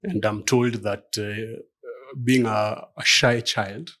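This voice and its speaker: A man's voice: on the low side, steady tone, slow, pushed and bright. A middle-aged man from Kenya, a law firm partner answering interview questions in a thoughtful, hesitant way with many fillers. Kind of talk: conversational interview.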